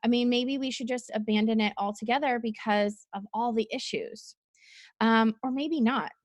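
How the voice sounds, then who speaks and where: Woman co-host, kinda high voice, chatty and laughy, dry close mic. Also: fairly even intonation, normal speed, no echo. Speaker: podcast co-host. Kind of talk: casual podcast discussion.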